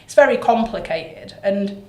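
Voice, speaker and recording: A British woman, a property investor, chatting on a podcast in a blunt, sweary, animated way. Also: medium pitch, unhurried. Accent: British English. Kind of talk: casual podcast chat. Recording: roomy echo.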